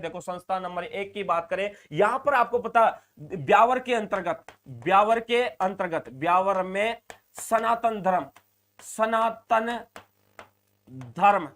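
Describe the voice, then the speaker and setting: A man's voice: high voice, a bit bright. A man teaching a live online exam-prep class. He repeats key points and answers viewers' comments. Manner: repetitive, stresses points, reads out viewer comments.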